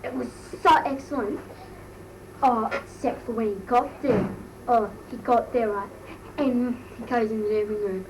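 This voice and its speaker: Woman putting on bratty aussie teen girl mole voice, high, gossipy comedy drawl, all embarrassed, far from mic w noisy background. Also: steady tone, moderate pace, natural voice. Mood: mortified gossiping. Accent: Australian. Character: gossipy, easily embarrassed Australian teenage schoolgirl, bratty mole character. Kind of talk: amateur comic impression monologue. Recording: noisy amateur recording, distant mic.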